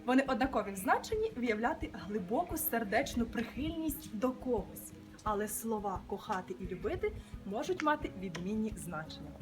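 A woman presenting a scripted language lesson, pronouncing each word clearly and carefully. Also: a little high, very animated, brisk, music in the background.

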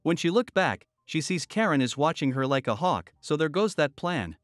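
Guy reading out stories, dry close sound, a bit higher voice, steady. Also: normal speed, dry recording, soft background music. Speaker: narrator. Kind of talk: scripted story narration.

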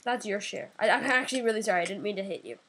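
A woman's voice: medium pitch, rapid-fire, a bit bright, a little hiss or hum. A woman in casual, playfully argumentative banter while playing a video game. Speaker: gaming video player.

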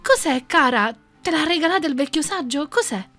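Un marito povero che fa subito progetti, a cui una narratrice dà voce. Parla in tono acuto ed entusiasta, sopra una musica tenue. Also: female voice, sits high, expressive, moderate pace, bright, forceful tone, soft background music, pitched above the performer's own voice. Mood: eager. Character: hopeful poor husband, quick to plan.

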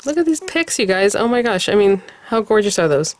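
Chatty and enthusiastic, a Californian woman vlogger rambles through her shopping haul at a craft table, full of fillers and laughter. She speaks a little fast at medium pitch with big pitch swings, in a dry recording.

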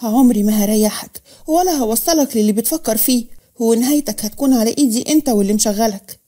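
A woman's voice: a little high, quick pace, dark tone, lightly acted. A woman voicing a scared, bitter young woman with an Egyptian accent, talking in an anxious, pleading way.

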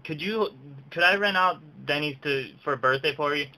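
Recorded by webcam in a small room, a young man plays the prank caller in a casual, slangy, mock-earnest chat. His voice is fairly high, pushed and bright, at a moderate pace, with poor audio quality.

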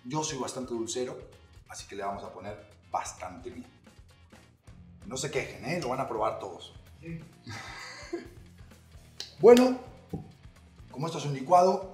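Talking straight to his viewers, a young man presents a recipe in a casual, playful cooking segment, sounding upbeat. His mid-range voice has a darkish tone, and the room is echoey.

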